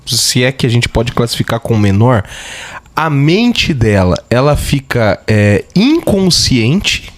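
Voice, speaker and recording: A podcast host asking a guest questions in a middle-pitched male voice. He builds each question slowly, hedging and pausing with fillers and restarts as he goes. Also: sing-song. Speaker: podcast interviewer.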